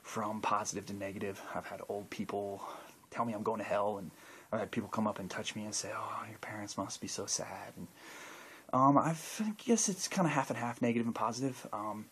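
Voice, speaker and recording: A man's voice: fairly low pitch, a little fast, fairly bright tone, a little hiss or hum. A man talking casually to camera, answering viewer questions in a rambling way with many restarts and fillers. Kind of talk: casual video monologue.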